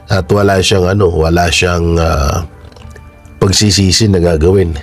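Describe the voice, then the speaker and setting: A man with a stuffy, blocked-nose voice gives informal, halting political commentary to his followers, often asking rhetorical questions. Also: deep voice, fairly even intonation, soft background music. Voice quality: congested, stuffy-nosed voice. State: nasal congestion.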